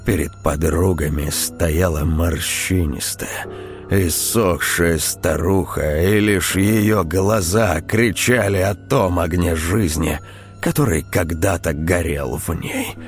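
A man reads a story aloud in a measured, even delivery. His voice is very deep and his pace slow. Faint music plays under the reading. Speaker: narrator. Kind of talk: audiobook narration.

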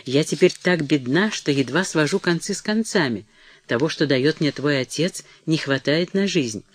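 A man voicing a timid, poor middle-aged mother who speaks softly and falters as she pleads. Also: on the high side, lively intonation, moderate pace. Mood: pleading. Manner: soft, faltering and imploring.

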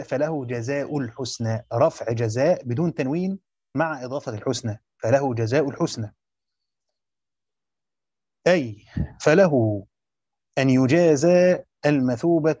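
A man with a medium-pitched, mellow, husky voice and an Egyptian Arabic accent teaches Quranic commentary. He explains each step, repeats phrases, and quizzes the class. The lo-fi recording is muffled and dry, with no echo.

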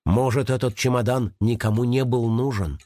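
A man reading a storybook aloud and voicing a kind, gentle male hedgehog who speaks softly and comfortingly. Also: mid-range voice, fairly even intonation, normal speed, no room sound, close to an everyday voice. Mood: soothing. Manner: soft, comforting.

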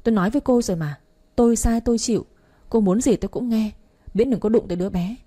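Give me a woman voicing a violent, enraged husband who growls, breathy and mellow. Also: fairly high pitch, fast, pitched above the performer's own voice. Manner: growling through teeth. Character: enraged husband, young man, violent temper.

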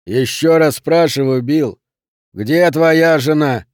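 A man reading the part of a cruel male killer, talking slowly and with mockery. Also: fairly high pitch, darkish tone, no room sound, clean studio sound, pitched above the performer's own voice. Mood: taunting. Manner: slow, taunting, drawn-out.

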